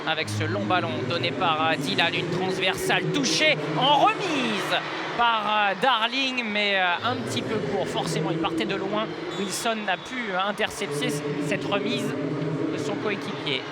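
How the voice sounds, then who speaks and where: A Frenchman delivers live football play-by-play as excited sports commentary. His voice is very high for a man. Clear outdoor match noise runs behind him. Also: moderate pace. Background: outdoor ambience of a football match.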